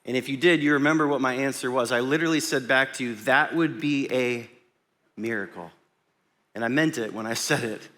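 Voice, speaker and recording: A pastor addresses his church in a motivational pep talk, speaking in a mid-range, slightly bright male voice. He goes fast with hardly any pauses, staying emphatic and informal, repeating himself, asking rhetorical questions and checking in with listeners.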